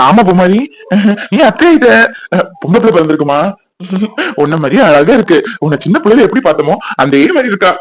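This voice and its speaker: A man's voice: high-pitched, lively intonation, fairly quick, poor audio. A man voicing a cheerful new father sharing the news with his family in a cartoon. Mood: beaming. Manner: beaming, cheerful. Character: proud new father, warm older brother.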